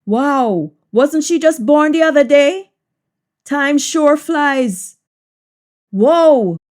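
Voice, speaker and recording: A woman with a Jamaican accent giving a language lesson, deliberately saying and repeating practice sentences in Jamaican Patois. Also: high voice. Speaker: language teacher.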